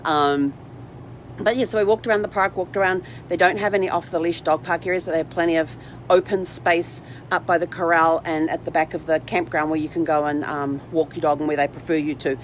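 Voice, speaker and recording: Sitting inside a parked RV, a vlog host rambles in a chatty, informal livestream manner and now and then speaks to her dog. Her voice is low and brisk with fairly even intonation, and the rough recording has slight background noise.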